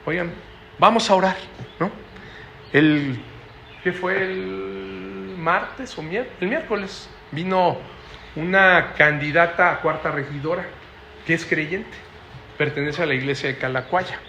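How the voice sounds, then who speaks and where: A man preaches in a chatty sermon style, often asking his listeners short questions. His voice sits a little high for a man. A faint hiss runs under the recording. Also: takes it slowly, creaky, sharp tone. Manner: conversational preaching, tag questions, acts out quoted voices.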